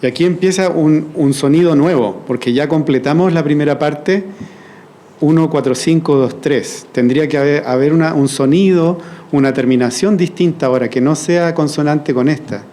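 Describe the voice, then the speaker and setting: A man's voice: on the high side, normal speed, dark tone, rough recording. A man leading an audience through a group verse-writing activity, coaxing answers with frequent check-ins. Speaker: workshop facilitator. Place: event hall at a university launch.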